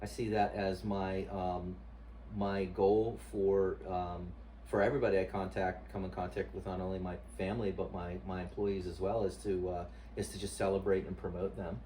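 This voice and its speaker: A man with a fairly low voice gives casual interview answers as a husband. He speaks haltingly, often repeating words while he looks for the next one. The mic is some way off, with a little background noise. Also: flat delivery, warm tone. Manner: hesitant, searching for words, repeating himself. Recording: distant mic, noisy room ambience.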